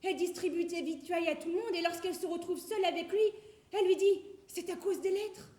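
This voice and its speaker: Stage drama: woman as male playwright, very high-pitched, flustered, declamatory, reverberant recording. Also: fast talker, dark tone. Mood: absorbed storytelling. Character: Edmond Rostand, flustered married male playwright, passionate about words. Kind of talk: theatrical stage acting.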